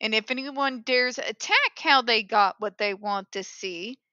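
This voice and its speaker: Woman doing sarky opinionated commentary in a call center voice, kinda high, really dry close sound. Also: unhurried, sharp tone, clear, resonant tone, no echo, lo-fi sound. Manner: polished call-center phone voice; sarcastic, blunt, emphatic, with swearing. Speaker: host of an advocacy commentary show.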